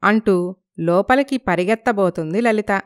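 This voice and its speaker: Woman, story narrator, smooth clear voice. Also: mid-range voice, moderate pace.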